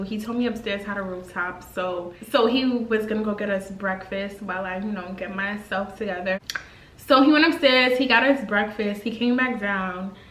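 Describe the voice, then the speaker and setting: A woman in her twenties tells a casual storytime to her vlog, chatty and expressive with plenty of slang and fillers. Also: mid-range voice, reverberant, low-quality recording. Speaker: vlogger.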